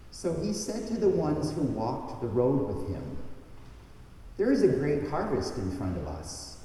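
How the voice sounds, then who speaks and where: A man reading the gospel aloud at a church service in a slow, measured way, his voice carried by a cathedral echo. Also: medium pitch, dark tone, a little hiss or hum. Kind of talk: liturgical scripture reading. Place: large church. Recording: cavernous church reverb from a distant mic.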